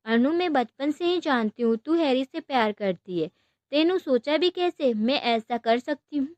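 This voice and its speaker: A woman's voice: high-pitched, expressive, moderate pace, a little mellow, no echo, muffled recording. A woman doing a tearful best friend. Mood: explaining. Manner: emotional, pleading, mixes Punjabi and English words.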